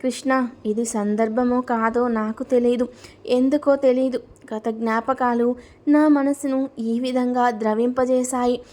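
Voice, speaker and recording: A grieving old grandmother of a large family, as a woman narrator puts her on, slow and heartfelt, in a fairly high voice. She is the matriarch of a storybook family. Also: fairly even intonation, dark tone, lightly acted. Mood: sorrowful.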